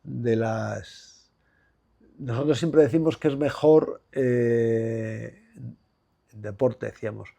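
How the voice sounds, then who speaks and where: A man in his sixties from Madrid, Spain, speaks with a Madrid Spanish accent as a former basketball player guesting on a relaxed conversational interview. His medium-pitched voice is gravelly and mellow, with fairly even intonation, a slow pace and frequent pauses. He reflects and rambles, full of fillers and restarts.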